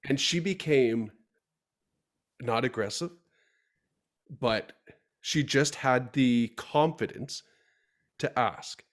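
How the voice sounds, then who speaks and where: A man's voice: mid-range voice, slow, pauses often. A male podcast host talks casually in an everyday, mid-range voice. He tells stories at length. He acts out the lines of the people he quotes. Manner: storytelling, acting out quoted dialogue.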